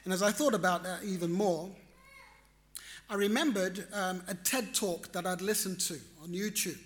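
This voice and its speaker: A man telling a personal story in a reflective, animated way, acting out his own reactions. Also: high voice, moderate pace. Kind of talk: storytelling talk.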